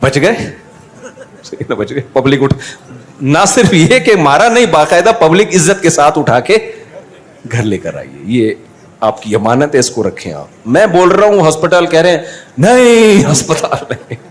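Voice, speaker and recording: A middle-aged man telling anecdotes over a drawing video, animated and acting out other people's lines. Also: on the high side, normal speed. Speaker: drawing channel host.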